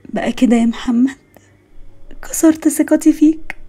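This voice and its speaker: Woman playing a heartbroken young woman, Egyptian accent, tearful, pleading, sharp-tongued, storybook voice. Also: high-pitched, moderate pace, natural voice. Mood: hurt. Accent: Egyptian Arabic. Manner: tearful, pleading, then fierce. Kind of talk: storybook voice acting.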